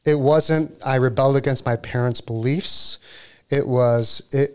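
A man's voice: mid-range voice, fairly even intonation, measured pace, darkish tone, clean tone. A man in his forties, talking about faith and parenting in a casual chat. He is earnest and reflective and pokes fun at himself. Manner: earnest, reflective, self-deprecating.

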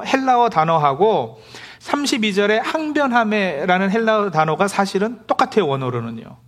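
A man's voice: high voice, a bit bright. A middle-aged male pastor giving a conversational sermon, now and then acting out the complaints of believers in quotes.

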